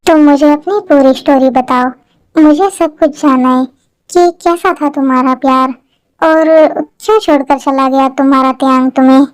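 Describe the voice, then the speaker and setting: A woman's voice: sits high, steady tone, moderate pace, no room sound, faint music behind, natural voice. A woman voicing a bold, outspoken young woman friend in a fan-made dubbed drama. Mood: curious. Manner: outspoken, pushy.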